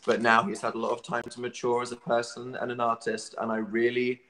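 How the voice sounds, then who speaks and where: A man trading quick, sarcastic jokes while co-hosting a casual live stream. His voice sits in a middle register and carries the echo of the room around him. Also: mid-range voice, monotone, pushed and bright. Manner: quick, playful, sarcastic banter.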